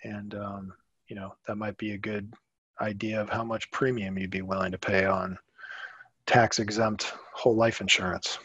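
A man co-hosting a finance podcast, explaining in a casual way, often trailing off quietly and saying "you know". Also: lowish voice, level tone, moderate pace, slightly rough, dry recording, dull audio. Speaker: podcast co-host.

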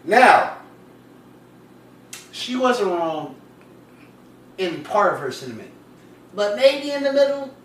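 A man co-hosting a podcast in casual banter, talking slowly and long-windedly with dramatic emphasis. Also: high voice, sing-song, a bit bright, roomy sound, far from the mic, slight background noise, poor audio. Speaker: podcast co-host.

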